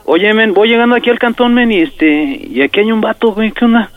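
A man's voice: sits high, fast talker, no room sound, phone-quality sound. A man with a Mexican accent acting as a prank accomplice, talking urgently with lots of slang.

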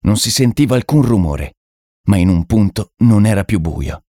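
A man narrating a horror story in a measured, dramatic audiobook reading. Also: fairly low pitch, lively intonation, dark tone, no room sound, clean studio sound.

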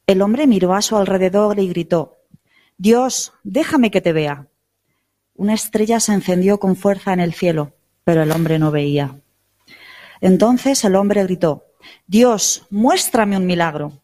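A participant reads a short parable aloud to the group. The voice is mid-pitched, and the reading is measured and unhurried, like a storyteller's. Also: darkish tone.

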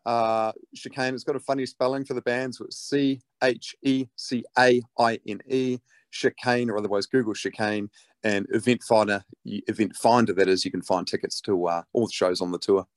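A man's voice: on the low side, fairly even intonation, normal speed, no echo. A man with a broad New Zealand accent chatting casually in an interview, laid-back and matey. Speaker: interviewed rock band lead singer.

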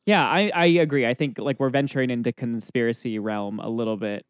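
A man chatting casually as a podcast panelist, thinking out loud. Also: mid-range voice, a little fast, dry recording, muffled recording. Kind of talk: casual chat.

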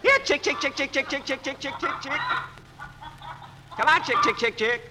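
A man's voice: extremely high pitch, moderate pace. An actor playing an amiable, bumbling farmer in a 1940s radio comedy, calling his chickens in a coaxing singsong. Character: bumbling city man turned farmer, amiable husband. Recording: noisy old 1940s radio recording.

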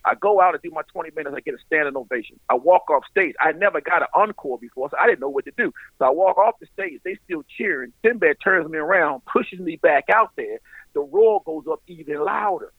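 A middle-aged man, a stand-up comedian, telling stories in casual animated chat, laughing often and talking in loose street slang. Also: on the high side, fairly quick, dry recording. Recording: phone-like radio line.

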